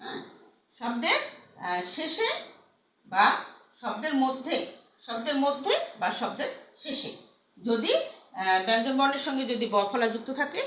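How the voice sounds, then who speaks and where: A woman teacher giving a pronunciation lesson, patiently repeating each word slowly for her students, with a Bangladeshi Bengali accent. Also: fairly high pitch, sing-song, fairly bright tone. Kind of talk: recorded classroom lesson on pronunciation. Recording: echoey, dull lo-fi room recording.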